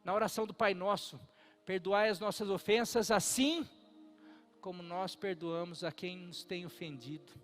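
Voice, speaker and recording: High-voiced Brazilian pastor preaching earnestly. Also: male voice, fairly even intonation, moderate pace, a bit bright, faint music behind. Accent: Brazilian Portuguese. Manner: earnest, emphatic preaching, confessional. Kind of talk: sermon. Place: church service.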